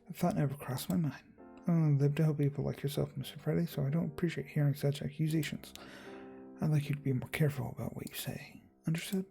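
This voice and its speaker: A man's voice: a little high, steady tone, fast, gravelly, mellow, soft background music. A man voicing a self-important male doctor who talks in a curt, lecturing way. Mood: stern.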